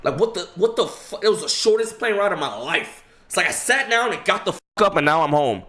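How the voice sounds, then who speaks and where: A man's voice: high voice, lively intonation, brisk, pushed and bright. A man telling a story in an emotional, casual way, stammering, repeating words and swearing.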